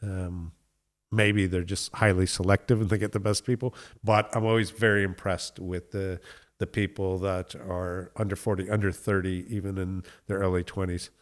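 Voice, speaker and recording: A middle-aged man from the United States speaks in a fairly low voice as a guest on a relaxed interview show. He talks thoughtfully and with enthusiasm, often pausing on fillers while he shapes his points. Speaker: guest winemaker.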